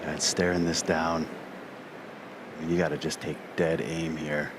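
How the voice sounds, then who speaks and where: Low-pitched man, on-course golf commentator, terse informal remarks, clear background noise. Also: level tone, unhurried.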